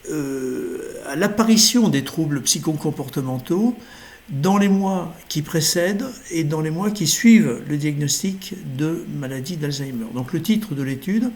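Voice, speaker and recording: A man's voice: on the high side, a little mellow. Hesitant man lecturing. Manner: hesitant, many fillers and self-corrections. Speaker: lecturer in neurology. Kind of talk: recorded lecture over slides.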